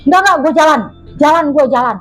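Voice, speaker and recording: A woman, a guest who tells her story in an animated, slangy and dramatic way. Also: high voice, fast. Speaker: guest telling a mystical experience. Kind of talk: casual storytelling chat.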